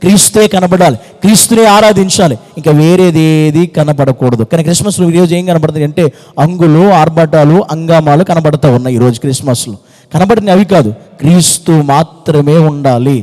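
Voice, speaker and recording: A man's voice: fairly high pitch, fairly quick, a little mellow, in a large hall. A man preaching a fervent sermon as pastor, repeating phrases and firing rhetorical questions. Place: church hall.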